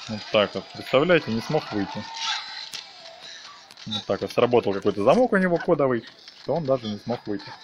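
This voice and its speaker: A video game let's player guides his audience through each step, chatty and slangy with plenty of diminutives. He sounds animated at medium pitch, talks a little fast, pauses often, and has music in the background.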